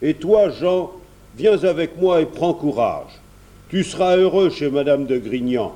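A kindly, fatherly gentleman speaks gently and encouragingly in a mellow, warm tone, a touch high for a man, read by a man. It is a storybook reading. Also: sing-song, measured pace.

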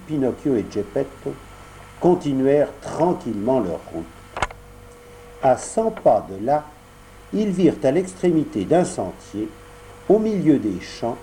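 A man narrating a children's storybook in an expressive storytelling manner. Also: mid-range voice, a little hiss or hum, rough recording. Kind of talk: audiobook narration.

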